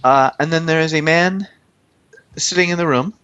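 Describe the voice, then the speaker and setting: A man narrating as game master of a tabletop role-play stream, relaxed and loose, with plenty of fillers. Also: on the high side, normal speed, clean tone, no room sound, dull audio.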